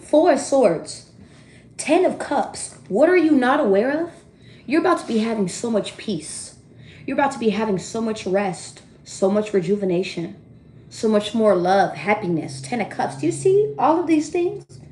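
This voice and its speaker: A woman giving a casual tarot reading to her viewers, chatty and animated, laughing often and swearing freely. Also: a little high, moderate pace, a little hiss or hum. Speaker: tarot reader. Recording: roomy echo.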